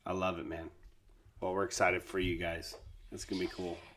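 A man's voice: deep voice, flat delivery, normal speed, fairly bright tone, slight background noise. A man co-hosting a podcast, chatting casually and joking with his co-host over a remote call. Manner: playful, joking, laughs often. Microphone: remote call recording.

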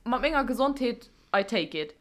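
A young woman co-hosting a podcast, chatting casually and telling an animated story with frequent laughter. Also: fairly high pitch, moderate pace. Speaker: podcast co-host. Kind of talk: casual chat.

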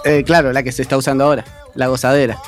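Halting radio co-host. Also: male voice, medium pitch, little pitch movement, faint music behind. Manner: halting, searches for words. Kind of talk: casual studio banter. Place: radio studio.

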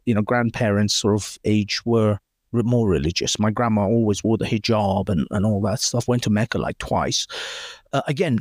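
A man answers a host's questions in a relaxed interview. His voice sits fairly low and sounds close and dry. He speaks thoughtfully and often pauses on ums before he corrects himself. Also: no room sound. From born in Iran, raised in Britain. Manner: thoughtful, hesitant, with frequent ums and self-corrections. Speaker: podcast guest.

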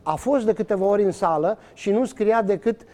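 A man with a rather high, soft-toned voice. He talks as an interview guest, pressing his points and acting out the conversations he retells. He uses many fillers and restarts. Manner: animated, many fillers and restarts, acts out quoted exchanges. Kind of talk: emphatic storytelling in conversation.

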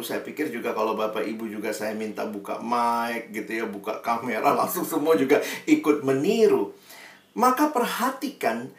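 A preacher giving a sermon to an online congregation, telling stories with lively delivery and speaking directly to the listeners. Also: medium pitch. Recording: roomy sound, distant mic.

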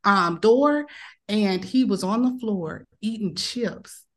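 A woman's voice: mid-range voice, animated, slow. Woman telling a personal story. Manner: emotional retelling, acts out quoted voices. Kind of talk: casual storytelling.

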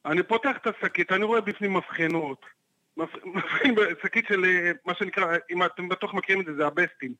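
A man, a private investigator guest on a podcast, telling a story in a lively, animated way and acting out the dialogue. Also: dull audio. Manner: animated, acts out the dialogue with jumps in pitch.

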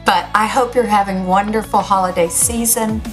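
An older woman with a raspy, slightly hoarse voice, speaking as a host in an encouraging, emphatic motivational talk straight to her listeners. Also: medium pitch, fairly even intonation, normal speed, fairly bright tone, soft background music. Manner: encouraging, direct address, emphatic. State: slightly hoarse, recovering from illness. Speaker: podcast host.

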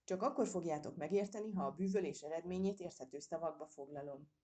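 A woman voicing an old male squirrel soothsayer who speaks with unshaken calm and haggles slyly. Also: lowish voice, natural voice. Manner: unhurried, sly bargaining.

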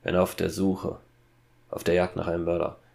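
A man's voice: deep voice, monotone, moderate pace, gravelly, darkish tone. A man voicing a stiff, formal royal huntsman in a horror fairy-tale audiobook.

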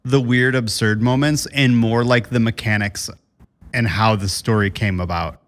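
A man's voice: mid-range voice, fairly even intonation, normal speed. A man co-hosting a podcast, chatting casually and enthusiastically, often laughing as he gushes. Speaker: podcast co-host. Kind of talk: casual chat.

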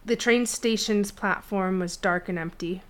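A woman narrating a fantasy novel chapter in a steady storytelling read. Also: medium pitch, a little slow. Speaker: audiobook narrator. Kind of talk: scripted fiction narration.

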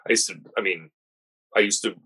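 A man's voice: on the low side, brisk, pushed and bright, breathy edge, rough recording. A man hosting a podcast, chatting casually and telling a digressive golf-caddie anecdote with self-correcting asides.

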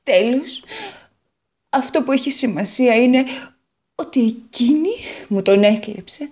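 A woman's voice: a little high, a little mellow, pitched above the performer's own voice, close to an everyday voice. A woman voicing a proud, wistful female guitar in a children's storybook read on the radio, sighing and bitter as she talks.

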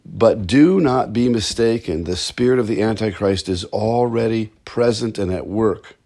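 A man preaching a sermon in an earnest, measured way, slowing down to stress key words. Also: on the low side, dark tone.

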